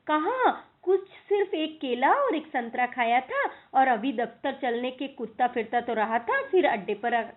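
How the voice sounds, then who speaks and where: A woman's voice: high voice, lively intonation, measured pace, few pauses. A woman voicing a puzzled father explaining how his son fell ill. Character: puzzled father of a small boy. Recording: tinny phone-like recording.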